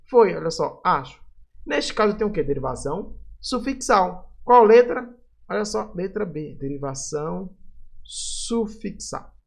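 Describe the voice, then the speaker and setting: A man teaching grammar on video, working through exam questions in a lively, emphatic way and answering his own questions. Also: sits high.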